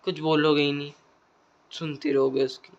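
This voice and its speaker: A male video creator gives speaking tips in a casual, conversational tutorial, his voice on the high side with little pitch movement and normal pacing. He repeats phrases and piles on fillers and tag questions, and the recording is muffled.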